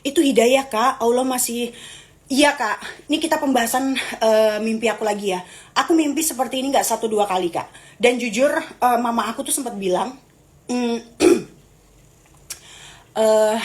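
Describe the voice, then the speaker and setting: A young woman, streaming live and reading comments, in a dramatic, playful, teasing way. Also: on the high side.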